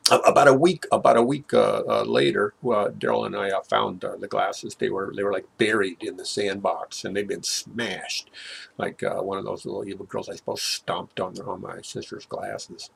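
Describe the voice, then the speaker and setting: An older man telling a personal story in a halting way, with many fillers and restarts, his voice dropping low at grim moments. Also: fairly even intonation. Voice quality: gravelly, husky voice.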